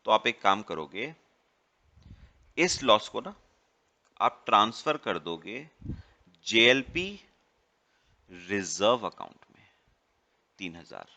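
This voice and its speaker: A man's voice: fairly low pitch, animated, slow, creaky, long pauses, sharp tone. A man teaching an accounts lesson, quizzing his students, calling them "beta" and repeating each key point. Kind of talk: classroom lecture.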